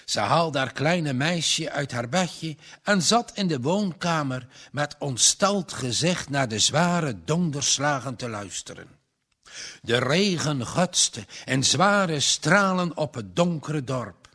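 Slow-paced male storyteller. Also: a little high, animated, pushed and bright. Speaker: narrator. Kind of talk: audiobook narration.

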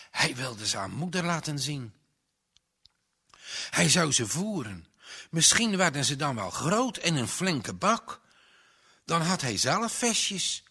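Slow, lively male storybook narrator. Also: medium pitch, slightly rough. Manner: slow, dramatic reading with tense pauses.

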